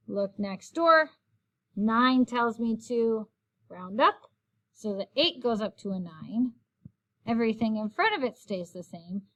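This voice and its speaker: A woman's voice: fairly high pitch, fairly bright tone. A woman teacher walking through a recorded math lesson, explaining each step in a friendly, patient way.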